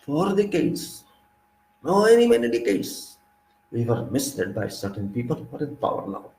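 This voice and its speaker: A man, delivering a forceful political monologue in a lecturing, repetitive way with sudden loud rises. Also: a little high, sing-song, moderate pace, gravelly. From India. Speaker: political commentator. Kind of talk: monologue speech. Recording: echoey room with faint ambience.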